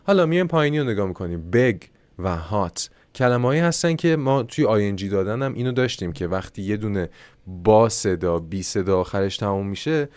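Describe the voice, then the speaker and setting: A man teaching an English lesson online in Persian. He reads the English examples slowly and explains the grammar. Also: fairly low pitch, expressive, a little mellow, no room sound. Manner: self-mocking aside.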